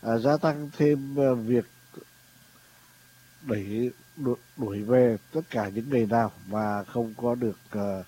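A man presenting news commentary on the radio, haltingly, with frequent hesitations. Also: mid-range voice, warm tone, breathy edge, poor audio.

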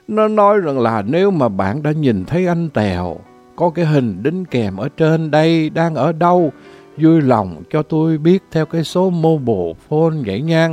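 A man's voice: fairly high pitch, vocal fry, darkish tone. A man with a Southern Vietnamese accent telling a comic story in a theatrical, lamenting way, full of exclamations.

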